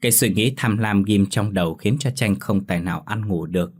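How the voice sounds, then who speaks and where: A man narrating a ghost story audiobook in a steady, dramatic storytelling manner. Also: lowish voice, a little fast.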